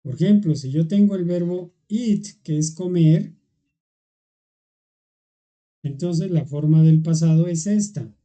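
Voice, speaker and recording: With a dark, very mellow voice of medium pitch, an English teacher unhurriedly explains grammar in an online lesson. The approach is patient and step by step, with frequent check-ins to the class.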